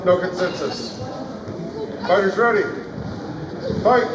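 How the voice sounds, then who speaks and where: A man refereeing a match, calling out short, booming, formulaic commands like an announcer. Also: takes it slowly. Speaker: referee at a fencing tournament. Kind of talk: shouted match officiating calls. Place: large indoor sports gymnasium. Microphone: distant camera microphone. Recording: echoey gym from far off, loud background noise.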